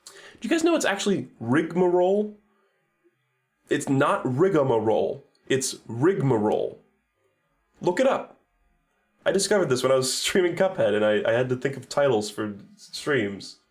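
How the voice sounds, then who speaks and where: Man, game streamer, casual commentary, rambling, sweary, second-guesses himself, mid-pitched voice. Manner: rambling, sweary, self-correcting. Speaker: streamer reviewing games.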